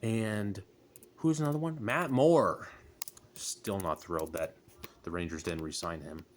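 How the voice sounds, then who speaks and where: A man's voice: low voice, unhurried, slight background noise. A man on a casual sports rant as a fan, exasperated, with groans and emphatic bursts.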